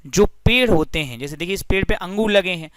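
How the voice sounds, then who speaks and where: A man's voice: high-pitched, animated, brisk, fairly bright tone, clear, resonant tone, dry recording, studio quality. A young man teaching a physics lesson through a story, friendly and explanatory, often addressing the listeners as friends.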